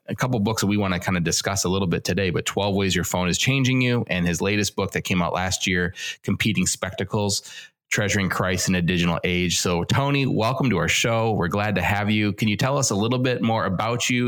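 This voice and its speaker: A man's voice: sits low, a bit bright. A man with a Wisconsin accent co-hosting a podcast, easygoing and friendly as he introduces a guest. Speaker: podcast co-host. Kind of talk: casual interview talk.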